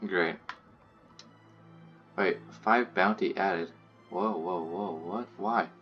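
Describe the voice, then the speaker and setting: A man's voice: deep voice, takes it slowly, dull audio, soft background music. A man casually joking his way through a game as commentary host. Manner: joking, sarcastic, laid-back. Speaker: gaming channel host. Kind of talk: let's play commentary.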